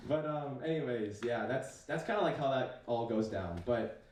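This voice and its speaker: On a university comedy stage, a young stand-up comedian, a native Chinese speaker, mocks himself, swears and uses lots of fillers in a relaxed set. He sounds animated, mid-range and darkish at normal speed, very echoey and far from the mic.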